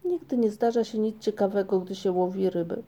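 A woman's voice: medium pitch, steady tone, brisk, warm tone, close to an everyday voice. A woman voicing a small, dreamy girl creature in a storybook, with a plaintive, sighing manner.

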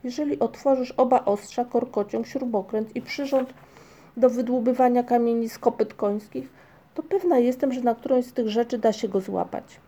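A woman's voice: on the high side, fairly even intonation, moderate pace, warm tone, voice pushed up. A woman voicing an eager young creature girl. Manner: eager, practical.

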